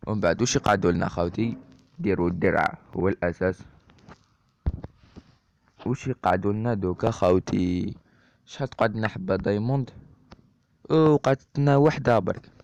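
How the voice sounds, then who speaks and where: His voice sits low and moves briskly, with vocal fry broken by long pauses. He's a gaming YouTuber with an Algerian Arabic accent chatting through a let's-play and treating his viewers as brothers, recorded on a dull lo-fi mic with steady noise.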